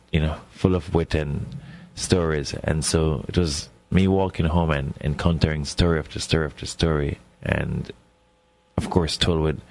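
A Jamaican man with an extremely deep, low voice, speaking in a radio interview. He tells his stories in a reflective, unhurried way, like a scholar who is turning a thought over as he talks. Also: vocal fry. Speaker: guest scholar.

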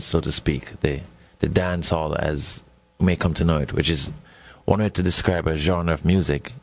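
A Jamaican man with an extremely deep, low voice, speaking in a radio interview. He tells his stories in a reflective, unhurried way, like a scholar who is turning a thought over as he talks. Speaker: guest scholar.

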